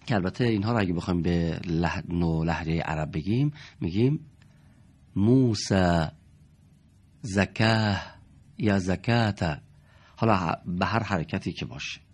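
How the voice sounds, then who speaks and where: A man's voice: sits low, husky. A man teaching a reading lesson in a classroom style, patiently explaining step by step and repeating key terms.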